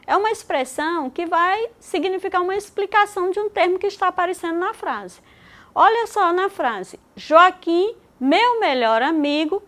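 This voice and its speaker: A Brazilian Portuguese woman teacher giving a recorded online lecture, explaining slowly with examples and rhetorical questions. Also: sits high, a bit bright.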